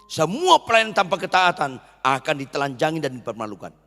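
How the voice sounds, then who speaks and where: A man's voice: on the high side, sing-song, fairly quick, sharp tone, big-room sound, soft background music. A man preaching a sermon as pastor, keeps asking the congregation questions and answering them himself.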